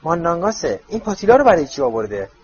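A man voicing an eager teenage girl who speaks quickly and emphatically, on dull lo-fi audio. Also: on the high side, very animated, a little mellow, pitched above the performer's own voice. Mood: emphatic.

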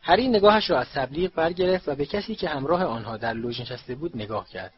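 A man reading a storybook aloud in steady, measured scripted narration. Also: a little high, dull audio, slight background noise. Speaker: audiobook narrator.

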